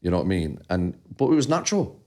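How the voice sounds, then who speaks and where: A man's voice: low voice, very animated, fast talker, dark tone. A man co-hosting a podcast, chatting casually and telling stories about his past. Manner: laid-back storyteller, drops into quoted voices. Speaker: podcast co-host. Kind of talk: casual chat.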